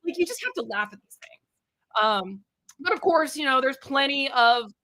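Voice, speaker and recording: Young woman co-host, high bright voice, dry close sound, chatty storyteller. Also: moderate pace, dry recording, low-quality recording. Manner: chatty storyteller, many fillers, animated quotes. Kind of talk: casual chat.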